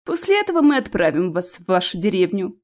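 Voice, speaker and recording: A woman voicing a cold, quiet vampire. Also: lowish voice, very animated, fast talker. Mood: cool. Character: cool, quietly menacing male vampire employer.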